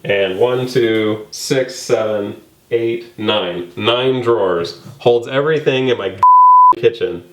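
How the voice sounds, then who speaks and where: A man's voice: fairly low pitch, slow, roomy sound, slight background noise, rough recording. A man co-hosting a casual kitchen tour, talking in an opinionated, playful way. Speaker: home cook and co-host.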